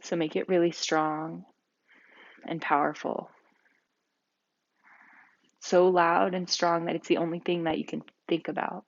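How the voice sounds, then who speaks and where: Calm low-voiced woman, gravelly yoga teacher. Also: muffled recording. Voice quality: calm, slow, soft-spoken guidance. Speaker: yoga instructor. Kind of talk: guided yoga and breathing class.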